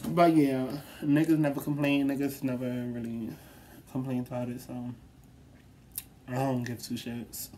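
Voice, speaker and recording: A woman chatting casually to her viewers in a vlog, animated, laughing often and swearing freely. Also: a bass voice, unhurried, a little hiss or hum. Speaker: vlogger.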